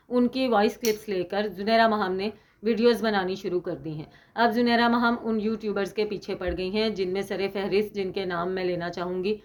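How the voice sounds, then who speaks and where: Woman commentator, scolding monologue, biting sarcasm, medium pitch. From Pakistan. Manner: indignant and sarcastic, emphatic scolding. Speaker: YouTube commentator.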